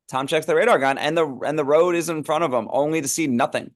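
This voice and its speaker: A man's voice: on the high side, fast. A man narrating a script read, reading stage directions aloud in an informal, amused way.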